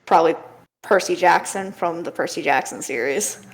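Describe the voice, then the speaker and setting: A woman's voice: on the low side, moderate pace, poor audio. A young woman hosting a podcast, chatting casually and telling stories with easy laughter. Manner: chatty storyteller, laughs easily. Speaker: podcast host. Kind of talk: casual chat.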